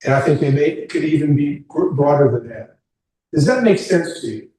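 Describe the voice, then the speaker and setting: A man's voice: fairly high pitch, lively intonation, fairly quick, mellow. Man in his sixties, echoey room. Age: 60s. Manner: candid, conversational, asks the group questions. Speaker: career workshop presenter. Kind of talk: informal group talk. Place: meeting room with a group. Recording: echoey room, mic far off.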